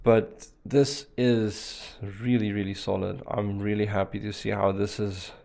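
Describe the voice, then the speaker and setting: A native Afrikaans speaker chats casually on a live stream while working through a networking lab, using relaxed fillers and restarting his sentences. His voice is fairly low and a little slow, with vocal fry.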